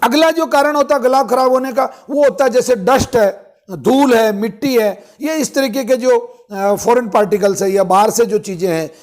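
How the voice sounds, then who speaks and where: A man giving an informal Ayurvedic health talk, explaining step by step with frequent pauses and fillers. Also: extremely high pitch, a little mellow. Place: ashram.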